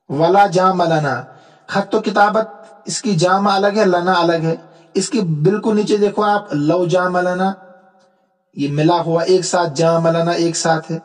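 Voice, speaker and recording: A man teaching Arabic rhetoric in a classroom-style lecture, explaining step by step, checking that students follow, and reciting verse slowly. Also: high-pitched. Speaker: religious teacher.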